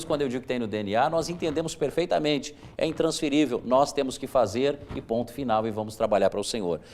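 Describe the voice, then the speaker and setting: A man, his mid-pitched voice carrying a gravelly edge. He explains things in an earnest, preacherly way, as a guest pastor on a church TV program. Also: a little mellow. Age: 40s. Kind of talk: televised church interview.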